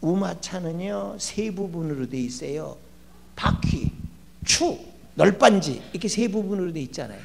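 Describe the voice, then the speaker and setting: A gravelly older man giving a lively, humorous lecture as a guest educator in a church. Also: sits high, measured pace. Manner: lively, acts out quoted people with shouting and laughs. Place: church hall. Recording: long church hall reverb, faint hum.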